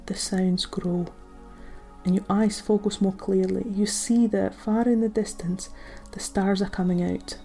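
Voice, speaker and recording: Music plays in the background as a woman with a mid-range voice guides a meditation in the style of a sleep story. She sounds gentle, soothing and unhurried, and her phrases end softly and breathily.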